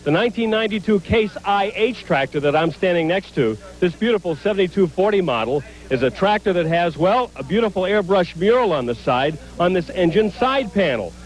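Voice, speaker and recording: A man's voice: high voice, expressive, a little fast, hardly any pauses, poor audio. A man working as a pit reporter, presenting and interviewing in broadcast sports style.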